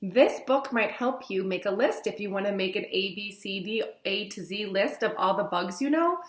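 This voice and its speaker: This thirty-something woman teaches young children with a read-along lesson, her mid-range voice lively in intonation and normal in speed. Plain explanations, frequent questions to the listeners and stressed letter names and key words mark her delivery. A small plain-walled room indoors lends the webcam recording a roomy echo.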